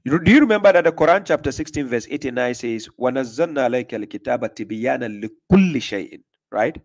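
A man's voice: medium pitch, expressive, racing. Male stream host, pushy questioner, plain mid-range voice, home desk setup. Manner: pressing, questioning, repeats himself. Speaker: livestream host. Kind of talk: live call-in debate. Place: small room indoors.

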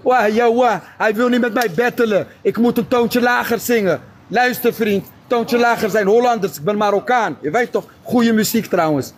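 A man's voice: sits high, normal speed, hardly any pauses. A man streaming live from a phone, taunting and mocking a rival, often chanting or half-singing his jabs. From Netherlands.

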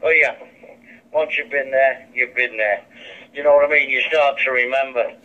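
Speaking at a moderate pace with fairly even intonation, a man with a mid-range voice chats casually as a ham radio operator. He is heard through a handheld radio, and the audio has the muffled, lo-fi quality of a two-way radio speaker.

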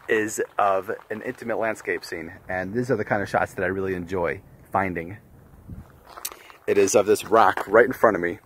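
A man's voice: on the low side, fairly bright tone. Man vlogging on a desert hike. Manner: chatty, explaining his camera setup. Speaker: landscape photographer. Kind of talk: casual vlog narration while hiking. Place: outdoors on a desert mountain trail. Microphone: camera held at arm's length.

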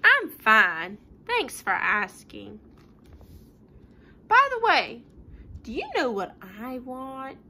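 A woman voicing an excitable, pleading, stubborn storybook pigeon, exclaiming and wheedling with emphasis. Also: sits high, slow, pauses often, full character voice. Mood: polite, scheming. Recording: home recording with light room noise.

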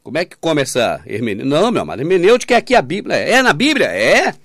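Man, informal online sermon, sarcastic, swings between loud and hushed, higher-pitched voice. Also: huge pitch swings, racing, dry recording, studio quality. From Minas Gerais, Brazil. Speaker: preacher.

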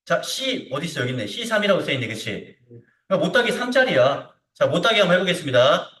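A male CAD instructor gives a hands-on software tutorial in an animated, somewhat high voice at a fast clip. He's informal and keeps checking understanding with short tag questions. The distant microphone picks up a roomy echo.

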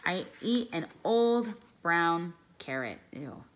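A woman calmly reading a children's novel aloud, careful and measured as a teacher. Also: on the low side. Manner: calm, careful storytelling, pausing over phrases.

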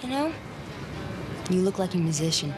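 An actress playing a smooth, chatty woman artist in a naturalistic TV film. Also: on the low side, very animated, normal speed, over music. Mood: casual, probing. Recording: noisy film soundtrack with background ambience.

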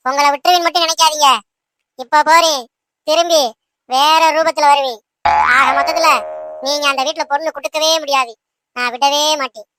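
A woman voicing a meddling, bossy old grandmother in a cartoon who scolds in a quick, nagging stream. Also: high voice, fairly even intonation, very noisy, natural voice. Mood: threatening.

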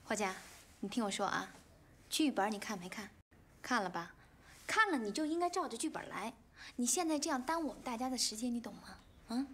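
An actress playing a quarrelsome veteran actress with a cutting way of speaking. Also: female voice, a little high, expressive, brisk, a bit bright, slight background noise. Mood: coaxing. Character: sharp-tongued veteran actress. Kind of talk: film drama acting.

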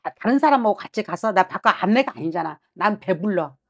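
A medium-pitched woman with lively intonation talks at a quick pace. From her desk in a small shrine office, this middle-aged fortune teller scolds bluntly, speaks her client's thoughts aloud and presses hard on every point. It's a fortune-telling consultation.

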